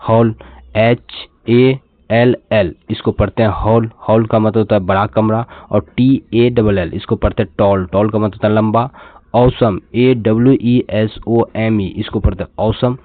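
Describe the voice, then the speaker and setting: A man's voice: lowish voice, fairly even intonation, unhurried, no echo. A man teaching an English pronunciation lesson, patiently repeating each word and asking the class to say it back. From India. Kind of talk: classroom lesson, explaining step by step. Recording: tinny phone-like dry sound.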